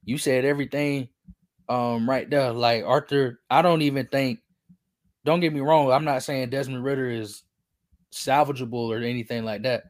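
A man's voice: medium pitch, fairly even intonation. Man, sports podcast co-host, casual, agreeable, hesitant, restarts. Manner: agreeable, halting, restarts often.

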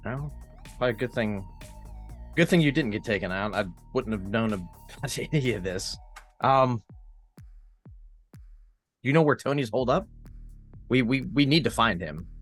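A man's voice: medium pitch, animated, normal speed, pauses often, faint music behind. A man playing in a tabletop role-play, speaking in a hesitant, stammering way with many restarts. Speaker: player.

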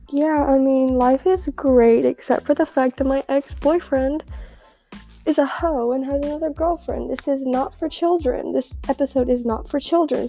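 A woman's voice: high voice, vocal fry, dark tone. A teenage girl from Texas hosting a podcast in a casual, rambling, slangy chat, her voice muffled by a face mask, recorded at school. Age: teens. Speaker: podcast host. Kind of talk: casual chatty monologue.

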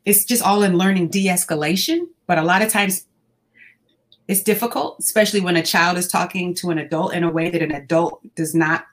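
A woman talking as an interview guest in a calm, measured way, often breaking into light laughter. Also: on the low side. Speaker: school staff working with students. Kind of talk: casual interview conversation.

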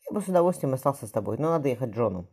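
A calm young husband with a soft, teasing way of talking, as a reader voices him. The tone is dark and mellow, and the words come quickly. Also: female voice, very deep voice, breathy edge, full character voice. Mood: tender. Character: young noble merchant-agent, teasing loving husband.

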